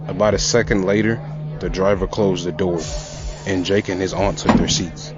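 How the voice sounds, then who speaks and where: A man's voice: deep voice, fairly even intonation, moderate pace. A man narrating a first-person horror story in a tense, dramatic way. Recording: lo-fi with music and crowd sound.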